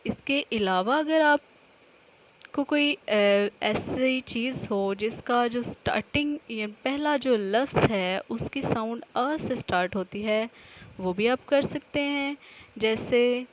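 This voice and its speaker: A woman teaching a nursery alphabet lesson to young children, stretching each syllable out slowly so they can repeat after her. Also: a little high, a little hiss or hum, poor audio.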